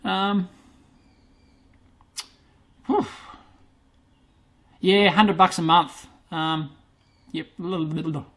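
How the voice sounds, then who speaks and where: A man's voice: high voice, fairly even intonation, extremely slow, pauses often, fairly bright tone. A young man with an Australian accent, hosting a live question-and-answer stream and chatting casually, with blunt swearing and a rising lift at the ends of his sentences. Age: young adult. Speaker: electronics vlog host.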